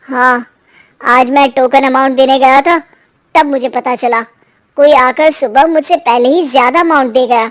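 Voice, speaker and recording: A woman voicing a young cartoon husband in a lowered, deeper voice. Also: steady tone, moderate pace, natural voice. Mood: dejected. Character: young husband, glum then hot-tempered.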